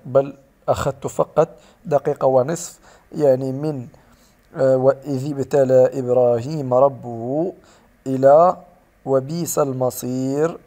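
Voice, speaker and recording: A man teaching Quran recitation, patiently correcting his students and slowly modeling the right pronunciation. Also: medium pitch, creaky, mellow.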